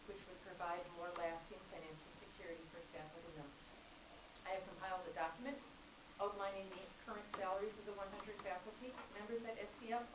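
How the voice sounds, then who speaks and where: At a college board meeting, an accounting instructor with a lowish voice gives a prepared public comment, businesslike and measured as she reads out figures. Speaking without a mic, she comes through in a distant, echoing room recording that is dull and noisy.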